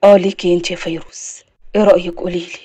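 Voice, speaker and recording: A woman voicing a protective 30-year-old man with an Egyptian accent, speaking low and reassuringly in an animated story. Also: racing, slightly rough. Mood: affectionate.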